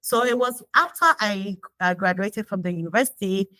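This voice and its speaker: A woman speaks in a reflective, conversational way. She often pauses on fillers and restarts her sentences. Her voice sits at a middling pitch and is recorded very dry, with no room sound. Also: bright, forceful tone, no room sound, poor audio. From Ghana. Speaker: guest. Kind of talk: conversational interview.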